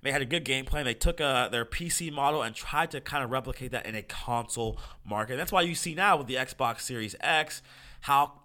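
A man's voice: medium pitch, a little fast, pushed and bright. A young-adult American man hosting a solo gaming podcast, casual, profane and opinionated, with a froggy, congested voice from being sick. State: sick with a cold. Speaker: podcast host. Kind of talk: casual solo podcast commentary on video games.

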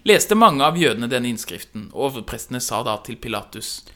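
A man reading scripture aloud as a dramatic narration. His tone is bright and forward, and the delivery measured and expressive. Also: mid-range voice. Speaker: scripture reader.

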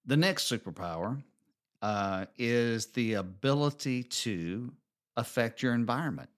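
A man's voice: mid-range voice, lively intonation, unhurried. A middle-aged man with an Alabama accent, co-hosting a casual talk and often rephrasing as he goes. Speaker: co-host of a marriage show.

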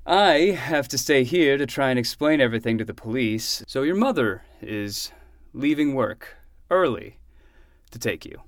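A man's voice: medium pitch, animated, measured pace, dry recording, studio quality. A man playing an easygoing, good-humored uncle in a fiction podcast, casual and teasing. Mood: gently cautioning.

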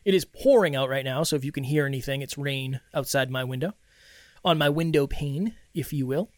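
A man co-hosting a self-improvement podcast, talking to listeners like a motivational life coach, stressing key points with deliberate pauses. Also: medium pitch, no echo, studio quality. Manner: life-coach delivery, addressing listeners directly. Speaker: podcast co-host.

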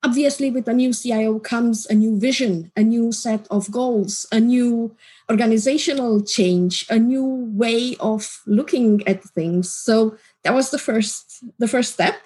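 A woman, a guest in an interview, explaining her work in a measured way. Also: fairly high pitch, darkish tone, breathy edge. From Romania. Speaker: guest, customer support team manager. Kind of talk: interview answers.

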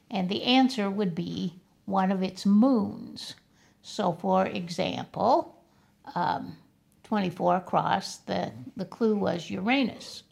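A woman co-hosting a casual podcast chat about a crossword, unhurried and matter-of-fact. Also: mid-range voice, vocal fry, darkish tone. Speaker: podcast co-host.

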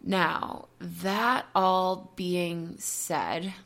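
A woman's voice: lowish voice, steady tone, very slow, vocal fry, a bit bright. A woman podcast host speaking openly and reflectively in a personal monologue, full of casual "like" fillers. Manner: open, reflective, many "like" fillers.

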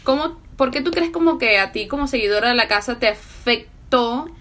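A woman in casual chat, talking quickly with many fillers and restarts. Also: fairly high pitch, expressive, a bit bright. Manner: chatty, fillers like "o sea" and "literal". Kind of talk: casual chat about fashion.

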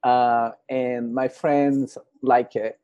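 A man's voice: mid-range voice, flat delivery, drawn-out words, warm tone, dry recording, lo-fi sound. Man, middle-aged, hesitant, filler-heavy, dry close sound. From Honduras. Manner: hesitant, many fillers and throat clearing. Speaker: panel guest. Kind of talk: casual interview storytelling.

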